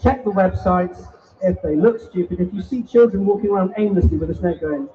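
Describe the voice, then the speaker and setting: A man's voice: sits high, brisk, slight background noise. A man presenting spiders at a live invertebrate show, teasing and bantering with the audience. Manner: jokey, teasing banter with the crowd. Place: indoor event hall. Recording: muffled live stream mic from a distance.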